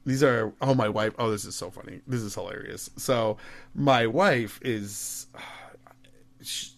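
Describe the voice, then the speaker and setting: A man's voice: on the low side, takes it slowly, vocal fry. A man co-hosting a podcast in casual chat, telling stories with lots of laughter. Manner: laughing storyteller, animated. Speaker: podcast co-host.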